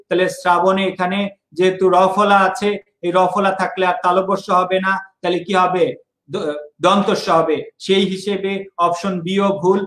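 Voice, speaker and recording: A man's voice: high-pitched, fairly bright tone. Man, online exam-prep teacher, patient repetitive explaining, roomy echo. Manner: explanatory, repeats key points.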